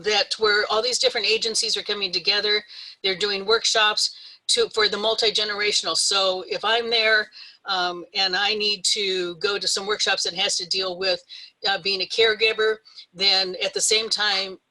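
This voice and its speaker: A woman speaking unscripted as a webinar panelist, measured and hesitant, drawing out some words. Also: medium pitch, level tone, pushed and bright, poor audio. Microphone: video call.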